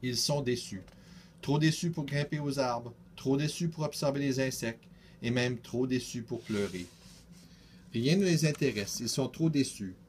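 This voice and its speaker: A teenage boy reading a children's picture book aloud, steady and careful, with small restarts. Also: medium pitch, unhurried, slight background noise. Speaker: student reader.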